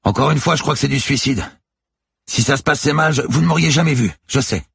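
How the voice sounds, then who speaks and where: Brief: storm-battered fisherman shouting orders at sea, pitched well above the reader's own voice, put on by a male narrator. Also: fairly quick, vocal fry, slightly rough, no room sound, clean studio sound, full character voice. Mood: grave. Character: urgent male fisherman steering through a storm. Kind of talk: audiobook character voice.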